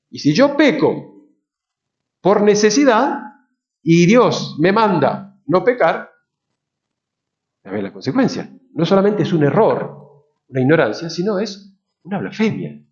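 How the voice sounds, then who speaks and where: Priest, lively higher voice, informal lecturing with restarts, muffled lo-fi audio. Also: male voice. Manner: conversational, many restarts and tag questions, emphatic on key words. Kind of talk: spoken moral lecture to a congregation. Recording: dull lo-fi lecture recording.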